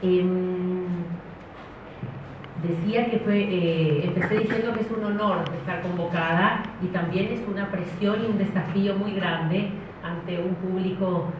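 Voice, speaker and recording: A woman from Paraguay speaks on a panel, hesitant and self-deprecating, with many filler sounds. Her voice is a little low. She is heard from far off in a very echoey hall, with a dull sound and audible background noise. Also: fairly even intonation, measured pace. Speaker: panelist, educator. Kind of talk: panel talk. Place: community center hall.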